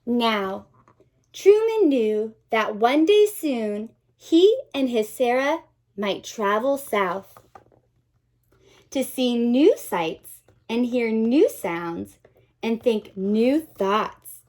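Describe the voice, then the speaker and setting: Reading a picture book to a group of little kids, a woman teacher with a fairly high voice performs it expressively and dramatically, pausing to quiz her young audience.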